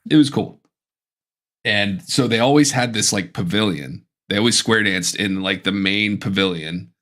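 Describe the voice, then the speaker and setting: A man co-hosting a casual podcast, rambling with restarts as he pitches a comedy idea. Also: moderate pace, a bit bright. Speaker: podcast co-host. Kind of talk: casual chat.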